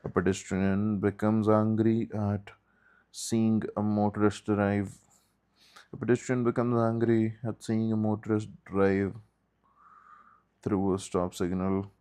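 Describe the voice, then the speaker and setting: Man, low voice, monotone, reading a textbook aloud, brief asides. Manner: reads steadily, breaks off for short asides. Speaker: study group leader.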